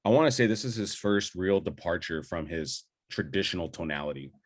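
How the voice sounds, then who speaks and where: An animated young man with a low voice talks fairly quickly as a podcast co-host. Debating films casually, he's enthusiastic and rambling, full of fillers and restarts.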